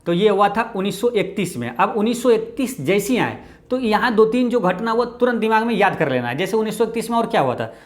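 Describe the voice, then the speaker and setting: A man with a Bihari Hindi accent teaching exam-prep quiz answers, often dropping low and quiet for "keep this in mind". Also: big pitch swings, fast. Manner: repeats "ye dhyan rakhna hai" with a low, quiet drop.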